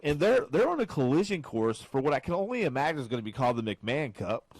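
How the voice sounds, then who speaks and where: A man co-hosting a casual sports podcast, his pitch leaping around as he jokes and gets excited. The sound is close and dry, with no room echo at all. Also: quick pace. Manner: animated, jokey, swings pitch high when excited. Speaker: podcast co-host.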